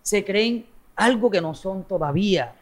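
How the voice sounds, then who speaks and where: A social media content creator with a coastal Colombian accent chats casually in an interview, blunt, full of slang and foul-mouthed. He has a high, expressive voice and speaks at a measured pace.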